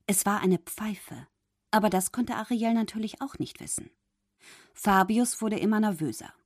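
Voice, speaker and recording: A woman telling a children's story with lively, animated rises and falls. Her voice is slightly husky and breathy, recorded close and dry. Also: medium pitch, dry recording. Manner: expressive, dramatic reading. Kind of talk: storybook narration.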